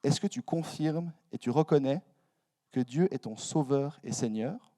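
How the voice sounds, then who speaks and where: A man's voice: medium pitch, unhurried, warm tone. A young man preaching a sermon in a church hall, casual and self-mocking, with slangy asides. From Switzerland.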